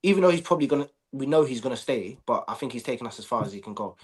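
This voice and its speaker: A man's voice: medium pitch, lively intonation, rapid-fire, slightly rough. A man in a casual football chat, teasing and slangy. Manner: teasing, banter-heavy, slangy. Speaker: football podcast panelist.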